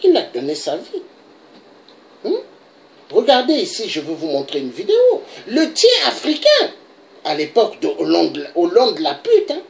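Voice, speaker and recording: A woman's voice: lowish voice, wildly swooping pitch, measured pace, gravelly. A woman from DR Congo giving an impassioned political monologue, pressing her points and often tagging them with a rhetorical "hein?". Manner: emphatic, repeats "hein?" for emphasis. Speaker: political commentator.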